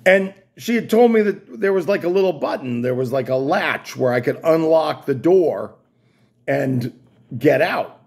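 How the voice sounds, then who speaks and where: Man, casual vlog storytelling, gravelly husky voice, lively pitch, wry and rambling. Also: measured pace. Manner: rambling, self-interrupting, wry. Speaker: vlogger.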